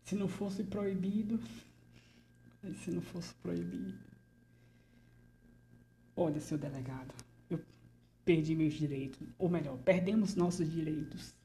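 A jittery male artist stammers through a slow, unhurried monologue, acted by a woman. The voice sits low and mellow, dropping now and then into frightened whispers. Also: a little hiss or hum. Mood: anxious. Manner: stammering, nervous, slips into whispers. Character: frightened male artist under interrogation, rambling. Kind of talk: theatrical monologue.

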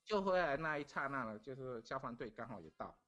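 A man's voice: medium pitch, animated, brisk, bright, forceful tone. Middle-aged man. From Taiwan. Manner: earnest, repeats phrases while recounting events. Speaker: guest. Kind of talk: casual storytelling.

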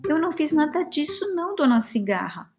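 A woman doing an eager little girl, high and lively. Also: soft background music. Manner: eager, quick-thinking, breathless. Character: curious anxious little girl.

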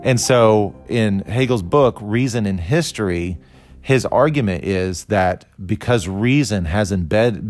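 A man's voice: fairly low pitch, darkish tone. A man in his forties, from Costa Rica, explaining a philosophy idea in a thoughtful, conversational lecture with restarts and fillers. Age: 40s.

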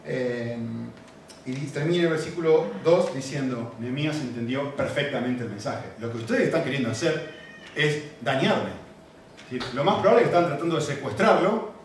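An Argentine male preacher delivers an expository sermon in a conversational style, asking the audience questions, his pitch fairly high. The mic sits far away in a very reverberant hall, picking up faint hiss.

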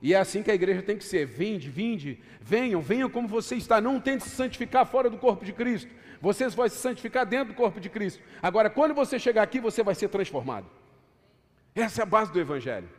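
A male pastor preaching a sermon, swinging between emphatic raised passages and quiet, low asides. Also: animated, quick pace, big-room sound. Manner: preaching with emphatic rises and hushed drops. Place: church hall.

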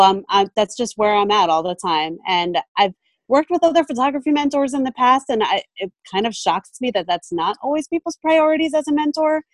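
Relaxed in a casual interview chat, a woman in her thirties, a photographer, mentor and podcast guest, talks through her work thoughtfully, pausing often with ums and starting sentences over. Her voice sits in an ordinary middle range. The recording is close and dry, with no room sound.

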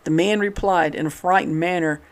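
A man reading an old newspaper article aloud in a steady, measured way, with occasional restarts. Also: fairly high pitch. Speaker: reader of a historical newspaper.

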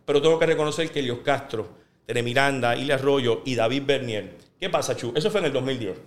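A man from Puerto Rico, a sports journalist guest, telling lively career anecdotes in a casual interview. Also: medium pitch, fast. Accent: neutral Spanish.

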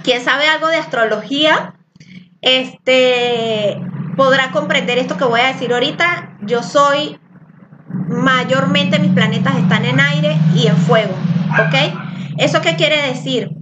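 A woman with a Venezuelan accent teaching an online group session, talking fast, loud and a little rushed. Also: high voice, muffled recording, background noise. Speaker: spiritual workshop teacher.

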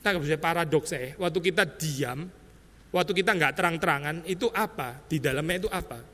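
A man preaching a sermon with a fairly high, bright, forceful voice. He talks in a chatty way, dotting his lines with tag words and English terms. The sound carries a long church-hall reverb. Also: fairly quick. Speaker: pastor. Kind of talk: expository sermon.

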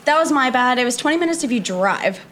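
A woman's voice: high-pitched, expressive, fast, fairly bright tone. A young woman playing a bold, teasing teenage city girl in a naturalistic drama.

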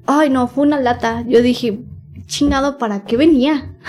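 A young woman with a Mexican accent shares a personal story on a podcast. Her voice sits slightly high, and she talks frankly in slang, with plenty of fillers and nervous little laughs. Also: fairly even intonation, measured pace, a little mellow, soft background music. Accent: Mexican Spanish. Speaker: podcast guest.

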